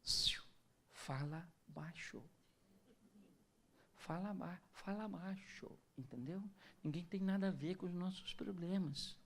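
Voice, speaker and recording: A man doing a hissing, hushed husband. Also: high-pitched, takes it slowly, pauses often, full character voice. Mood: hushing. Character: tense husband hushing his wife, adult man. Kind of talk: sermon skit.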